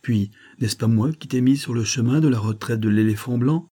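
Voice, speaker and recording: A man's voice: mid-range voice, moderate pace, mellow, slightly rough, natural voice. A man voicing a greedy, scheming male monk who gives orders and threatens. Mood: imperious. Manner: commanding, threatening.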